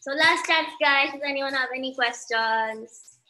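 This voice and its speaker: A woman's voice: sits high, measured pace, sharp tone, rough recording. A woman with a Filipino accent teaching a dance class, encouraging the students and counting the beats aloud.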